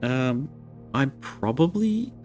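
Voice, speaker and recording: A man's voice: medium pitch, big pitch swings, takes it slowly, darkish tone, faint music behind. A man streaming a video game live, chatting casually and rambling to his viewers. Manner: rambling, chatty, self-deprecating.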